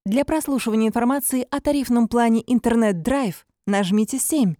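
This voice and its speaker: A woman reading scripted phone menu prompts in a measured, formulaic announcer's manner. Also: a little high, mellow, no echo, studio quality.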